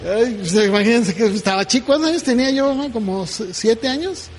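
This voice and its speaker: A man's voice: very high-pitched, animated, a little fast, soft background music. A middle-aged man, preaching a sermon as pastor in a conversational way, often checking in with "¿verdad?". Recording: long reverb of a hall.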